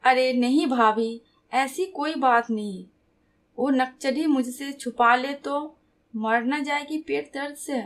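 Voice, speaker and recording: A woman's voice: high-pitched, takes it slowly, a bit bright. A woman voicing a teasing young man about to marry, playful and joking.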